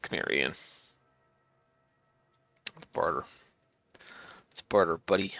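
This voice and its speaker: A man playing a video game in casual chat, tired from an early start, excitable, with mumbled asides and sudden bright outbursts. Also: sits low, slow pace, creaky, no echo, lo-fi sound, faint music behind. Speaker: gamer playing. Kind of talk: casual let's play chat.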